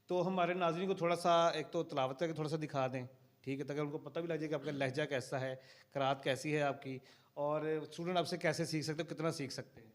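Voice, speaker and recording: Male interviewer with a Pakistani accent, slightly high pitch, chatty and self-deprecating, casual questions. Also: fairly even intonation. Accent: Pakistani Urdu. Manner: chatty, self-deprecating, frequent "theek hai".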